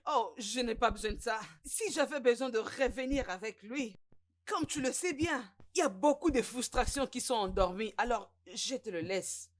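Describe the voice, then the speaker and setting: A woman's voice: on the high side, normal speed, close to an everyday voice. A woman dubbing a wounded young ex-wife, proud and grieving, with earnest, emotional delivery in a French-dubbed film drama. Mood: defiant. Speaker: caterer, ex-wife.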